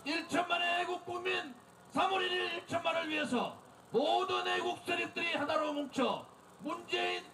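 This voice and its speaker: A man delivering an impassioned, declamatory political rally speech as the leader, exhorting listeners and shouting slogans. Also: extremely high pitch, normal speed. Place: outdoor street rally in front of a building. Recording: outdoor PA, echoing, distant, noisy crowd.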